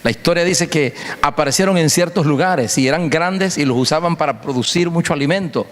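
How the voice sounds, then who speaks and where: A man's voice: fairly high pitch, fairly quick, fairly bright tone. A man preaching a sermon as pastor, emphatic and storytelling, leaning on repeated phrases to drive each point home. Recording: long hall reverb.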